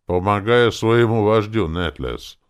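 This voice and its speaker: A man's voice: lowish voice, lively intonation, a little slow, clear, resonant tone, pitched above the performer's own voice. A man voicing a proud young woman who serves as a clan chronicler, in an audiobook reading. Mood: cool.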